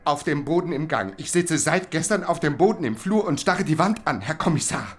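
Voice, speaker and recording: A man's voice: on the high side, lively intonation, fairly quick, close to an everyday voice. An actor playing a lonely, anxious young man who talks to an imagined inspector and breaks into pained groans. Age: young adult. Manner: anxious monologue, groaning in pain.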